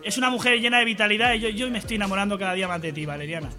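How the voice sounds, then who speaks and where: A man's voice: sits high, steady tone, racing, sharp tone, soft background music. A man co-hosting a podcast, joking and flirting with a caller and throwing in crude jokes. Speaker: podcast co-host. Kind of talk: joking casual chat.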